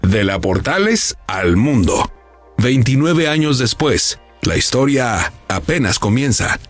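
Husky male narrator. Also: medium pitch, very animated, no room sound. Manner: measured, polished delivery. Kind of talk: scripted documentary narration. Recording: voice-over with faint music.

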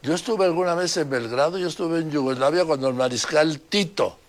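A man's voice: on the high side, a little fast. An older man, hosting an interview in a chatty way, prompting his guest with questions. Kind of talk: casual interview.

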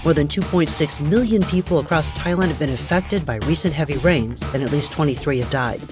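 A woman reading a scripted radio news bulletin in a measured, even delivery. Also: deep voice, music in the background. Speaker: news reader.

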